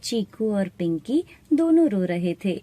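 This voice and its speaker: A woman narrating an animated moral story in a steady, plain storytelling manner. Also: mid-range voice, a little slow, no room sound. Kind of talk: scripted narration.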